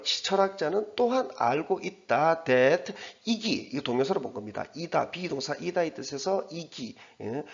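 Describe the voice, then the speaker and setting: A man teaching English, going through an exam passage in a chatty way and reading the English words slowly. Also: on the high side, lo-fi sound. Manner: chatty, repeats himself, reads English slowly word by word.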